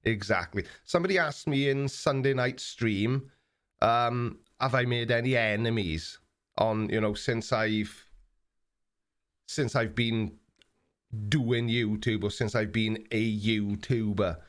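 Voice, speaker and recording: A relaxed Australian live-streamer in his forties answers viewer comments in a casual, plain-spoken way, frequently saying um. His voice sits in the mid range and he talks at a slow pace.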